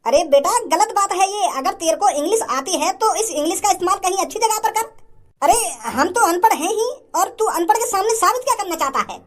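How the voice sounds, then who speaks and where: A woman's voice: very high voice, lively intonation, fairly quick. A woman voicing a kindly, stubborn old male chaat seller in a cartoon, with a folksy, stammering manner. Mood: scolding. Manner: folksy, stammers when cornered. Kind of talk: cartoon voice acting. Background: background music.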